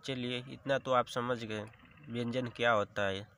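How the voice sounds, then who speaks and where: A man's voice: medium pitch, fairly even intonation, unhurried, fairly bright tone, slight background noise. A man teaching the Hindi consonants, speaking patiently and sounding out each letter one at a time. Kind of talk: slow classroom explanation.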